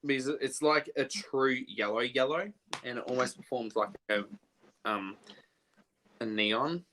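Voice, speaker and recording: Young male livestream host, chatty and bouncy, bright forceful tone. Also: mid-range voice, a little hiss or hum. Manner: chatty, animated, quick to laugh. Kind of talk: casual livestream chat.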